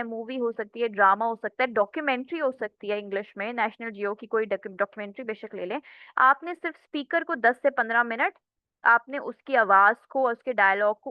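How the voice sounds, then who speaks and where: A woman's voice: a little high, no echo. Woman teacher lecturing in dull lo-fi sound. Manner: explains step by step, often checks in with the class. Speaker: English teacher. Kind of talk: classroom lecture mixing Hindi and English.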